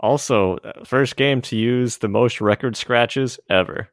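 A man co-hosting a podcast, telling stories in a casual, animated and easygoing way. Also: medium pitch, a little slow, no room sound, studio quality. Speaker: podcast co-host. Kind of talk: casual chat.

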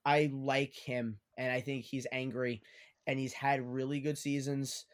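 Speaking in an unhurried, level, medium-pitched voice, this podcast host from Long Island runs the segments of a casual sports show with friends. He's chatty, trading takes with the group.

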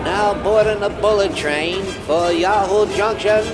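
A man's voice: high-pitched, music in the background, pitched above the performer's own voice. A man voicing a train station boarding announcer heard over the intercom in a parody radio ad, drawing out each stop name. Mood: announcing. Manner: drawn-out announcing of stop names.

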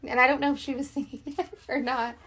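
A woman co-hosting a casual faith chat, quick to agree and laugh along. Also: high-pitched, level tone. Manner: warm affirming listener, giggly. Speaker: co-host.

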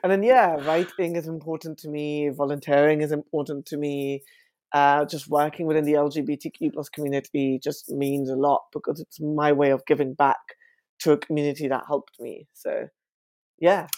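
A man's voice: on the high side, normal speed, dry recording. Chatty young man from West London. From West London, England. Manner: chatty, animated, with frequent fillers. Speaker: guest. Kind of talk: casual interview talk.

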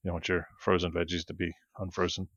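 On a casual podcast, a male co-host with a low voice talks fast in a flat manner, wandering through long stories and laughing often. His tone is a bit bright with no echo, though the recording sounds dull and lo-fi.

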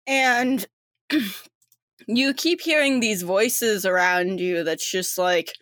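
A woman's voice: medium pitch, drawn-out words, fairly bright tone, dry recording. A woman running a tabletop game, narrating casually with a lot of filler words. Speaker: game master.

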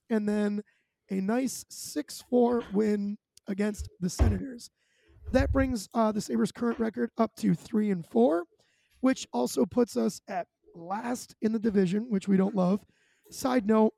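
A man's voice: sits high, vocal fry, mellow, no room sound. A man hosting a podcast in a chatty, rambling, self-deprecating way. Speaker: podcast host. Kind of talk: casual podcast chat.

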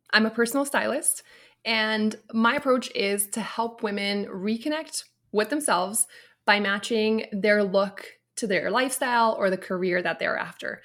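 A woman in her late thirties, originally from Romania, talks as a guest on a podcast. She tells her story in an open, reflective way, with a voice of middling pitch. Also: fairly bright tone. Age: 30s. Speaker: personal stylist, podcast guest. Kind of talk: casual interview chat.

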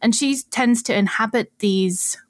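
A woman's voice: a little high, measured pace, no echo. A woman co-hosting a podcast, explaining archaeology in a chatty, casual way and laughing often. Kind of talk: casual chat.

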